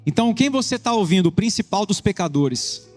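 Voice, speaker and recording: A Brazilian pastor with a fairly high voice, preaching with earnest intensity. He switches between rushed phrases and slow, weighty lines. The sound carries a long echo from the church hall. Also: lively intonation, soft background music. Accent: Brazilian Portuguese. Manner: earnest, shifts between quick bursts and slow emphasis. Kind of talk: sermon with personal testimony.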